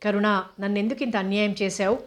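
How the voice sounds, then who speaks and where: A woman's voice: medium pitch, steady tone, fairly quick, natural voice. A woman voicing a remorseful older man who pleads tenderly.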